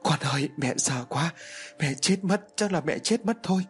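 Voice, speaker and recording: A man's voice: mid-range voice, animated, fairly quick, slightly rough, soft background music. A man voicing a terrified middle-aged village mother who pleads frantically through sobs. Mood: terrified sobbing.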